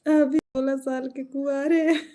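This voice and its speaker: A woman's voice: sits high, flat delivery, normal speed, warm tone. A woman folk singer with an Awadhi Hindi accent, chatting at home on a live stream, laughing often and answering viewer comments.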